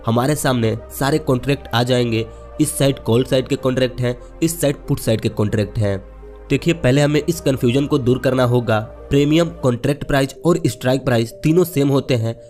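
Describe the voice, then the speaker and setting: A man's voice: medium pitch, a little mellow. A man with a mid-range voice walks beginners through a tutorial step by step. He speaks patiently and keeps pointing to things on screen. Faint music plays underneath. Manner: patient, explanatory, says "dekhiye" often. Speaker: trading teacher.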